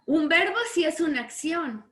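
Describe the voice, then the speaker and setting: A woman with a Mexican Spanish accent teaching an online literature class from home, checking in with her students through constant quick questions. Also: extremely high pitch, animated, pushed and bright. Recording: echoey room.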